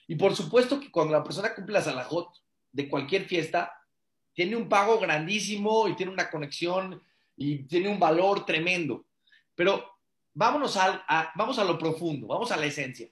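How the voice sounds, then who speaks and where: A man, a rabbi giving a conversational religious class. His voice sits fairly high, and he talks earnestly, circling back on his own phrases and posing question after question to his listeners. The room around him rings with a clear echo. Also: animated, moderate pace, a bit bright. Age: adult father. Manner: earnest, repeats phrases for emphasis, many rhetorical questions.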